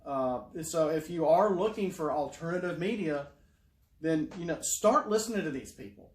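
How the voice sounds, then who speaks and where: A man's voice: a little high, animated, moderate pace, reverberant. A middle-aged man rambling in a casual monologue, full of fillers and restarts. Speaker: YouTuber.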